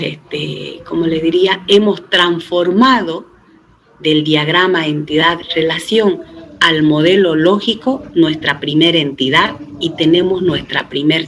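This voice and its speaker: A man's voice: fairly high pitch, fairly bright tone, a little hiss or hum, rough recording. A middle-aged man giving a recorded database lecture, explaining step by step. He often checks in with the students and says 'este' as a filler. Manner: patient step-by-step explaining, with frequent tag questions to students; uses 'este' as a filler and often restarts words. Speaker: database teacher.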